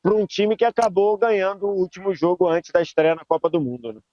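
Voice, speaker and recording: High-voiced man telling a reflective story. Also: animated, fast, highs cut off. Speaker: reporter at the stadium. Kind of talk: debate panel commentary.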